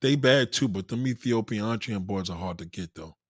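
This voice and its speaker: A man's voice: fairly low pitch, fairly quick, breathy edge, dry recording, studio quality. A man rants bluntly and profanely to his live-stream viewers, reading out their comments. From New York. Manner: blunt, profane, animated street talk. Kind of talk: casual live-stream rant.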